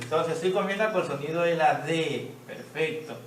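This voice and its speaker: A man with an Ecuadorian Spanish accent teaching young children to read, speaking slowly and patiently and sounding out words. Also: a little high, far from the mic, slight background noise. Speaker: primary school teacher. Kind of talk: online reading lesson for young children. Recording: echoey room, voice a little off-mic.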